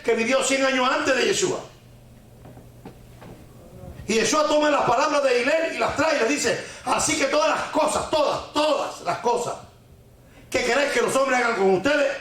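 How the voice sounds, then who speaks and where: A man with a fairly high voice teaching a sermon on the weekly Torah portion. He keeps asking rhetorical questions and repeating lines for emphasis, dropping in Hebrew terms and folk sayings. The recording rings with heavy echo from the room. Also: fairly bright tone. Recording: very echoey room.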